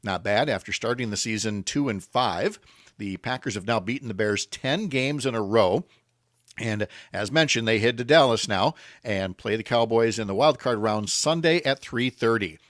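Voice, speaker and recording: A man hosting a talk radio show, joking in lively banter and then reading a sports roundup. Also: medium pitch, no room sound, clean studio sound. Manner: animated, jokey banter with quick excited exclamations. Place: home by a lake window.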